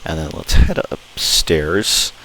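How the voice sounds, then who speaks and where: Deep-voiced man narrating casual gameplay. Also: slow, pushed and bright, poor audio. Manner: enthusiastic, informal. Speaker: video host. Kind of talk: casual gameplay walkthrough commentary. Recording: clear background noise.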